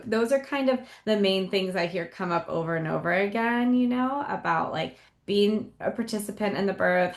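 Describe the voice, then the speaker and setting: A woman hosting a podcast, asking relaxed questions with many fillers. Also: mid-range voice. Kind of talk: casual interview.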